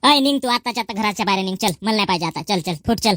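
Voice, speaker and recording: A woman playing a sharp-tongued old village mother-in-law who scolds and taunts without pause. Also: mid-range voice, animated, no echo, clean studio sound, natural voice. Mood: furious. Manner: nagging, taunting, rapid scolding. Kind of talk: rural comedy skit.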